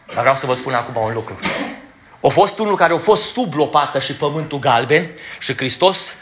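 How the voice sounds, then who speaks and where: A man preaching a sermon in a church, emphatic and blunt, asking his congregation direct questions and sometimes stumbling over his words as he rushes. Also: medium pitch, expressive, a bit bright, a little hiss or hum. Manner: stumbles when rushing.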